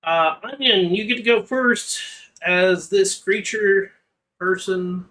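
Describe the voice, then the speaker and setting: Game master, man, high bright voice, slow, halting delivery. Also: low-quality recording. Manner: halting, describes with many fillers. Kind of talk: narrating a tabletop game.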